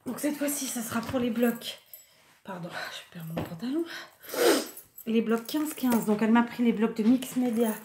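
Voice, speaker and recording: A woman showing off a shopping haul in casual chat, thinking aloud and often trailing off softly. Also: fairly high pitch, fairly even intonation, normal speed, few pauses. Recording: echoey room with loud background noise.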